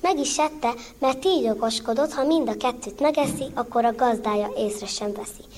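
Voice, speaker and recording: A woman with a fairly high voice tells an old folk tale. She reads steadily and brightens into animated voices whenever characters speak. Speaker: storyteller.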